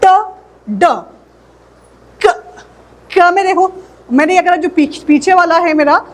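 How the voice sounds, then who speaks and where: A woman teaching an English phonetics lesson, explaining patiently and saying model words slowly for learners to repeat. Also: very high-pitched, fairly even intonation.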